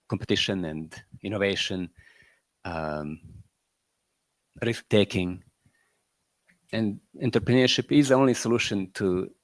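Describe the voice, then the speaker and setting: A middle-aged Croatian-accented entrepreneur with a fairly low voice gives rambling closing remarks at a panel, firing off rhetorical questions and filling gaps with "you know." There's no echo.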